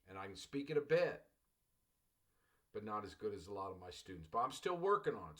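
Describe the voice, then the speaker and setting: A fairly low, fairly bright male voice belongs to a middle-aged college English teacher from Los Angeles, United States. In a recorded class lecture he rambles loosely, digresses, repeats phrases and often calls his students "class."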